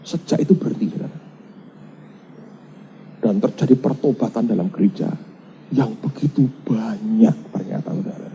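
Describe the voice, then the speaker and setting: A male pastor, preaching a lively sermon and acting out the voices of people in his stories. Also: lowish voice, normal speed, long pauses, dull audio, a little hiss or hum. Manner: lively storytelling preaching, acts out dialogue, mixes in Javanese phrases.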